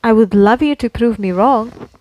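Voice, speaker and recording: On a lo-fi recording, a woman co-hosting a casual podcast argues back at her fellow host, dropping the occasional mild swear. Her voice sits a little high and moves at a normal speed.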